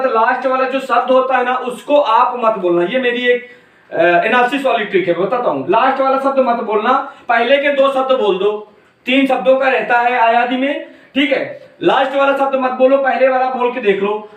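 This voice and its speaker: A man's voice: very high-pitched, moderate pace, fairly bright tone, recorded from a distance. A man teaching an exam-prep grammar lesson, repeating key points and calling his students "beta". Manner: repetitive, drilling, calls students "beta". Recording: echoey room, voice off-mic.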